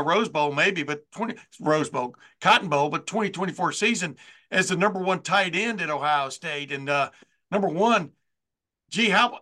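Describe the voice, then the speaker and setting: A man in his sixties hosts a casual sports interview on his talk show, rambling with plenty of fillers and restarts. His voice is high, pushed and bright.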